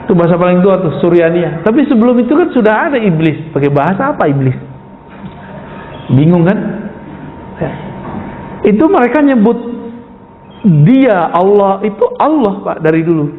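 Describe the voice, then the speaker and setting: A man giving a religious lecture to a congregation, lively, asking his listeners rhetorical questions. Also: on the high side, slight background noise. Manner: animated, rhetorical questions to the audience. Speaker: preacher. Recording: echoey hall, tinny lo-fi sound.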